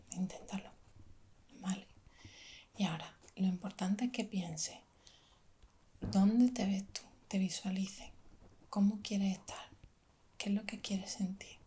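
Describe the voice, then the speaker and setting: A woman from giving a whispered ASMR pep talk in a breathy, gentle, reassuring way, like a friend talking to you. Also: medium pitch. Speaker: ASMR video creator.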